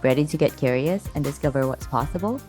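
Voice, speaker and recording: A woman's voice: low-pitched, fast, mellow, faint music behind. A woman hosting a podcast, reading a scripted intro and then interviewing a guest in a friendly, inviting way. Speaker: podcast host.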